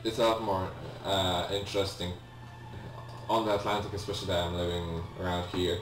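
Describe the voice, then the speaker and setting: This young let's play gamer has a low-pitched, flat voice and talks a little fast. A native Polish speaker with a Polish accent, he comments casually on his game but keeps hesitating, restarting, saying um and apologizing. The room echoes, the mic sits far off, and a faint hum lingers.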